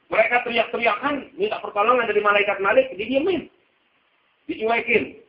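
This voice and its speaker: A man's voice: high voice, reverberant, lo-fi sound. A man preaching a sermon, telling a story dramatically and acting out its voices, mixing Arabic recitation with casual speech.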